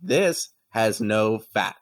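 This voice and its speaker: Chatty low-voiced podcast co-host. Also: male voice, lively intonation, very slow. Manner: chatty, opinionated, filler-heavy. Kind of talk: casual podcast chat.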